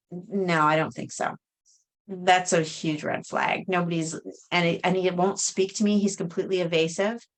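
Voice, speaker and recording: Middle-aged woman, vlogger, slightly low voice, hesitant and frank delivery. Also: a bit bright. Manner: hesitant, many fillers and restarts. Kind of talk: casual talk to camera.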